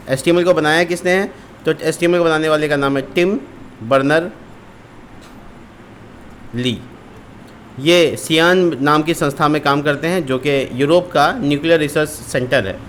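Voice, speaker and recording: A man's voice: a little high, a bit bright, slight background noise. A man teaching a screen-recorded programming lesson, explaining step by step with repeated terms and frequent fillers. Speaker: coding tutor.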